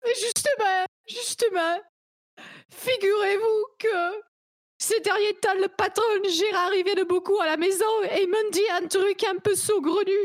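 A woman's voice: very high voice, steady tone, a little slow, no room sound. A woman playing a coworker's distraught wife who has just been fired, whining theatrically in a live improv scene.

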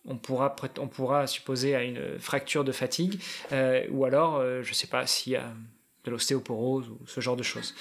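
A man's voice: mid-range voice, fairly bright tone. A man in a casual podcast conversation, explaining things as he thinks aloud. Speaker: guest, endurance athlete preparing a challenge. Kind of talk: casual podcast interview talk.

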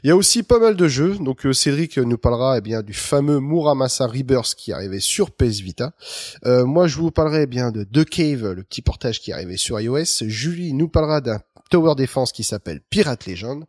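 A man's voice: medium pitch, animated, a little fast, darkish tone, no echo, clean studio sound. A man hosting a casual podcast chat, talking loosely with lots of fillers and restarts. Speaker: podcast host.

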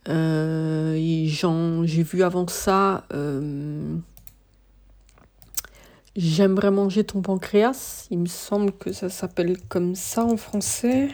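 Slow, mellow-voiced tired woman podcaster. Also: on the low side. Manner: hesitant, many filler sounds and restarts. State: tired, worn out. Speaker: podcast host. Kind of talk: casual solo podcast monologue.

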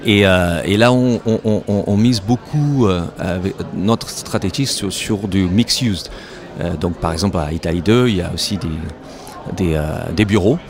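A company representative with a low-sitting voice gives interview answers in French at a trade show, though it isn't his first language and his accent is foreign. He falters and repeats words as he searches for phrasing, with the trade-show crowd bustling behind him.

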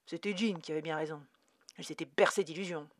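A woman narrating a novel in a measured, expressive audiobook reading. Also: sits low, no room sound.

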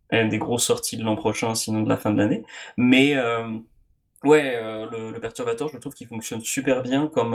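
A man's voice: mid-range voice, gravelly. A man co-hosting a podcast, talking casually about music with frequent hesitations and repeated words. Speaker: podcast co-host.

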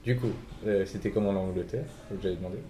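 A man hosting a podcast, asking relaxed questions in a casual interview at a hostel. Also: deep voice, quick pace, over a noisy crowd. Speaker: podcast host.

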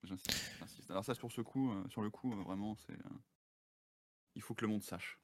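A man's voice: fairly low pitch, moderate pace, no room sound. A man chatting casually as a guest on a live stream, laughing often and slipping English words into his speech.

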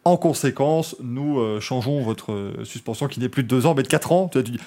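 A man's voice: medium pitch, a little fast, warm tone. A man hosting a motorsport podcast, chatting casually and joking, rambling with frequent restarts. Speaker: podcast host.

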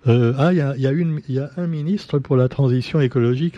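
A man's voice: medium pitch, fast talker, no echo. A man hosting a casual press review, chatty and sarcastic, with many fillers and asides. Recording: dull lo-fi sound.

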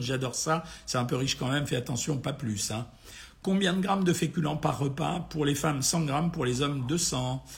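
Reading comments aloud and answering them bluntly and familiarly, a male doctor runs a casual live question-and-answer session on nutrition. His mid-range voice is gravelly, hoarse and weary, that of a man a bit worn out.

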